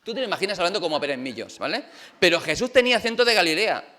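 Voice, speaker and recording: Chatty pastor, bright voice. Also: male voice, high voice, racing. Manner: lively, chatty, rhetorical questions to the congregation. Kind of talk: conversational sermon. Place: church.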